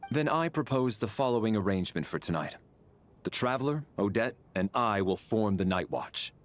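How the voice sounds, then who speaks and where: A man's voice: on the low side, lively intonation, lightly acted. A man voicing a formal, dutiful military agent in a video game. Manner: measured, formal, precise.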